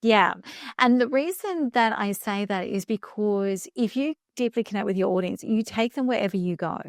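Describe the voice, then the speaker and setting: In a reflective podcast conversation, a guest speaker coach in her fifties talks with earnest, emphatic conviction, slowing down to land key phrases. Her pitch is an ordinary middle one, and the recording is close-miked, dry and dead, with no room sound.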